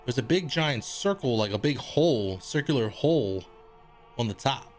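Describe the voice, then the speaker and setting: A man's voice: medium pitch, expressive, normal speed, soft background music. A man streaming a video game, chatting casually, thinking aloud and swearing freely. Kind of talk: casual gaming livestream commentary.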